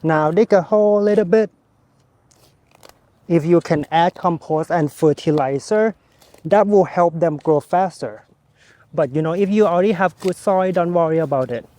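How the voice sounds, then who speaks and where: Male gardening host, slightly high voice, relaxed and chatty, talks straight to camera. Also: moderate pace, dry recording. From Thailand. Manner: chatty, relaxed, speaks to viewer directly. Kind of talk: casual how-to gardening vlog. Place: outdoors in a home garden.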